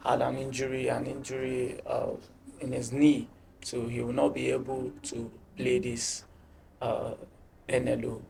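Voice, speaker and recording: Gravelly-voiced team captain, halting. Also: male voice, medium pitch, monotone, dark tone, a little hiss or hum. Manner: halting, repeats words often. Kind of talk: interview answers.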